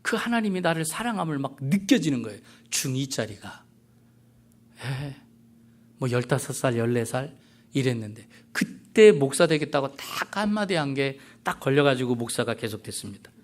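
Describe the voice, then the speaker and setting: A middle-aged man preaching a sermon as pastor, earnest and conversational, with soft asides. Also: mid-range voice, lively intonation, moderate pace.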